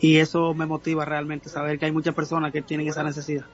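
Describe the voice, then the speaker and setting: Dominican male guest, halting speech, higher register, dull lo-fi recording. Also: monotone. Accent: Dominican Spanish. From Dominican Republic. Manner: halting, many filler sounds. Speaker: guest singer. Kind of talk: casual interview.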